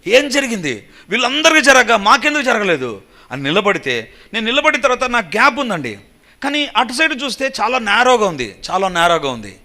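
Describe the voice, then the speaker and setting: A man's voice: very high voice, sing-song, brisk, sharp tone. A man preaching, telling a personal story as testimony and acting out the voices and cries of the people in it.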